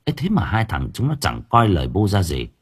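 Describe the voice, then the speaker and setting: A man narrating an audiobook story in an expressive storytelling manner. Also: deep voice, normal speed, breathy edge. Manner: expressive, swinging voice for drama.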